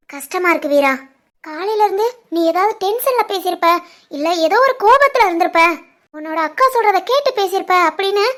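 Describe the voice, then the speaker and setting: A woman voicing a proud, hurt young village wife in an animated family story, with a Tirunelveli Tamil accent, talking in a reproachful, tearful way. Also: extremely high pitch. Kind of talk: animated family drama voice acting.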